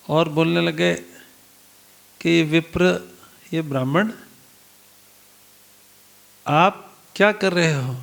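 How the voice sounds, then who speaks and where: High-voiced man telling a sermon story. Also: gravelly. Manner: animated storyteller acting out dialogue, rhetorical questions to audience. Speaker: preacher.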